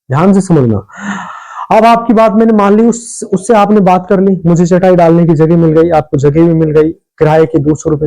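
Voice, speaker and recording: Male host for a tips video: rushed, repetitive, chatty delivery, warm dark tone. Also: a little high, creaky, poor audio. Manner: rapid, repetitive, addresses viewers as brother. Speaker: business ideas channel host. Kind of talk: casual advice talk to camera.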